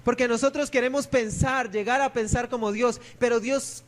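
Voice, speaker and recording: A pastor's strikingly high voice carries through his sermon as he repeatedly throws questions to the congregation and answers them on his own, keeping a moderate pace and fairly even intonation.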